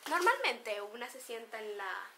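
Venezuelan woman vlogger, slightly high, sharp bright tone, teasing and chatty. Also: very animated, moderate pace, a little hiss or hum. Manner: playful, laughs often, acts out slang examples. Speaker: beauty vlogger. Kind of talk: casual chat to camera.

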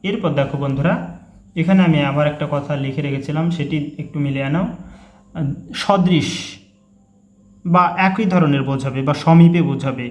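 A young man gives an online grammar lesson, naming each example word and then explaining it. His voice sits somewhat high. The recording has a noticeable room echo. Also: moderate pace, long pauses. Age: young adult. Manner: calls out each example word, then its meaning, in a steady teaching rhythm. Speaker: grammar tutor. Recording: echoey room.

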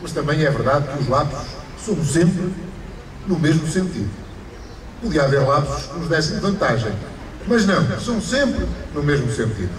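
A middle-aged man with a European Portuguese accent delivers a formal public speech as mayor, leaning into repeated phrases and stressed peaks. His voice sits a little high and comes through a stand microphone and PA, caught from a distance with a long outdoor echo. A crowd is heard around him. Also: very animated, moderate pace. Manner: emphatic oratory with repeated phrases and rising stresses. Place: outdoors under an awning at a ceremony. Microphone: stand microphone through a PA, filmed from afar.

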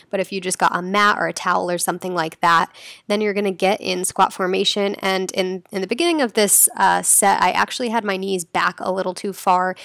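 A woman's voice: mid-range voice, fairly bright tone, dry recording, clean studio sound. A young woman in her twenties talking through a gym workout in a friendly, encouraging instructional voice-over. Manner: friendly, encouraging step-by-step coaching. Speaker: fitness vlogger.

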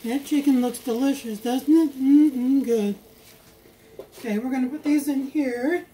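Home cook woman, high voice, chatty cook-along, noisy phone recording in a kitchen. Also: unhurried, warm tone. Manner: chatty, homey, talks to viewers while cooking. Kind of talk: casual cook-along narration. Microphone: phone camera held while cooking.

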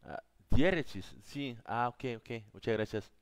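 A man's voice: medium pitch, animated, a little slow. A man with as his teaching a live online class, patiently answering viewers' questions. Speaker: Korean teacher.

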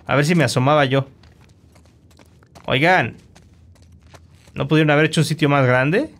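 A man commentating his own gameplay, animated and quick to shout insults at enemies. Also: fairly high pitch. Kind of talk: let's play commentary.

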